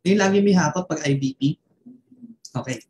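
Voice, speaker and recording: A man's voice: high-pitched, normal speed, a little mellow, echoey room, a little hiss or hum. A man with a Filipino accent, a network marketing mentor giving a motivational online training, telling a story and tossing constant tag questions to his listeners.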